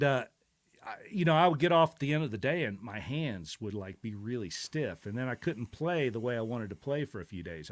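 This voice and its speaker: A middle-aged man chats casually on his own stream, telling stories at length. He wanders through his thoughts with plenty of "uh"s and restarts, and his pitch sits in an ordinary middle range. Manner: rambling, reflective, many fillers and restarts. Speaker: show host. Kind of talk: casual live-stream chat.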